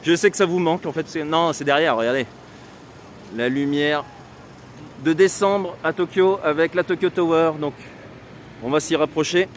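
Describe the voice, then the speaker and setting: A talkative man with a southern French accent streams live as he walks through city streets, cracking jokes and laughing between remarks. His voice sits a little high for a man, with faint traffic and street noise around him. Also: moderate pace, long pauses. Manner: chatty, laughs often, joking asides. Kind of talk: casual walking live stream.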